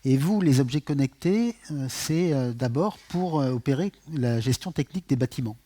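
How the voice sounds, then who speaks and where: A man's voice: medium pitch, expressive, moderate pace, warm tone. A man moderating a conference round table, introducing speakers and posing questions with a light touch of humor.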